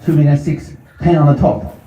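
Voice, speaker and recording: A man's voice: fairly high pitch, flat delivery, moderate pace, dark tone. A man working as a real estate auctioneer, calling out bids in repeated short phrases to buyers like a showman. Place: live property auction before gathered buyers. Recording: echoey, picked up from a distance.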